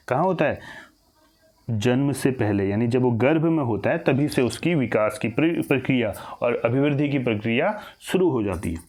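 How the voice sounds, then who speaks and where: A man teaching a recorded exam-prep lesson. He asks questions and answers them himself, often restarting and repeating phrases. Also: medium pitch.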